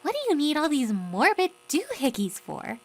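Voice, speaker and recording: A woman's voice: high-pitched, sing-song, normal speed. A woman voicing a plucky, brash young college-age bootlegger in a cartoon fan dub, perky, cheeky and inquisitive. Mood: cheeky, curious. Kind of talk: animated fan dub acting.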